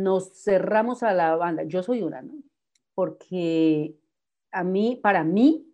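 A woman speaks as a guest teacher. She explains spelling rules patiently and gives examples. Her voice is fairly low for a woman and has a soft, mellow tone. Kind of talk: explanatory casual talk.

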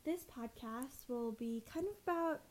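A young woman with a high voice, co-hosting a casual podcast. She chats loosely with plenty of fillers and giggles between her points. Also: a little slow, a little mellow, low-quality recording. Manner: giggly, chatty, lots of fillers. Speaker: podcast co-host. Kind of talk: casual chat.

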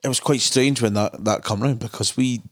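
A man's voice: medium pitch, fairly even intonation, moderate pace. A man with a broad Scottish accent from Dundee, hosting a podcast in casual conversation. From Dundee, Scotland. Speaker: podcast host. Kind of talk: casual interview chat.

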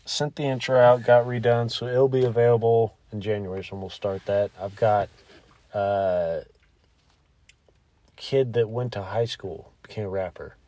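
A man's voice: lowish voice, fairly even intonation, a little slow, dark tone. A man hosting a podcast, chatting casually and rambling, with offhand swearing. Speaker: podcast host.

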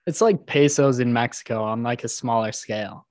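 A man's voice: mid-range voice, moderate pace, no room sound. Easygoing young guy, dry close sound. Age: young adult. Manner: easygoing, hedging, "like"-filled. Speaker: podcast guest. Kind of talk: casual chat.

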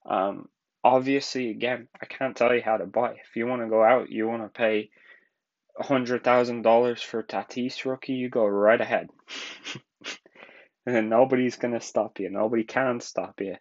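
A man's voice: mid-range voice, steady tone, normal speed, muffled recording. A man in his twenties with an Irish accent, hosting a solo podcast in a rambling, casual way with frequent laughs. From Ireland. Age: 20s. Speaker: podcast host.

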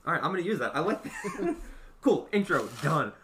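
A chatty man hosts a casual podcast with a bright, forceful voice and a slightly raised pitch. He laughs often and pokes fun at himself, and he sits a bit back from the mic. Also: wildly swooping pitch, brisk, distant mic, a little hiss or hum. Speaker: podcast host. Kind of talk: casual chat.

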